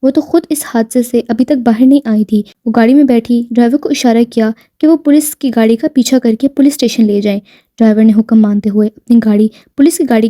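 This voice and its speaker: Brief: woman storyteller, mellow and dark-toned, fairly high pitch, steady novel reading. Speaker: novel reader. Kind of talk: storybook narration of a romance novel.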